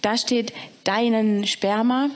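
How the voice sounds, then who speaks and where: A woman playing an earnest young man learning the language, who picks through grammar rules slowly and carefully. His phrasing is a learner's, a little broken but confident. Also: sits high, fairly even intonation, smooth.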